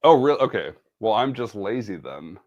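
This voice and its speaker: A man's voice: on the low side, very animated, moderate pace, muffled recording, a crowd in the background. A man giving a casual, chatty live-stream sewing demo, self-deprecating and humming or making little beep noises as he works. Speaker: sewing ambassador.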